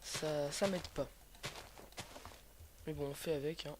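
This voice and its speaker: A young Frenchman with a fairly high voice talks over a video game while sick, sounding like his throat is sore and swollen. He is casual and slangy, swears freely and hesitates often. The cheap microphone is clearly noisy. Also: fairly even intonation, slow pace. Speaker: gaming video host. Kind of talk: casual gameplay commentary. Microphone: cheap computer microphone.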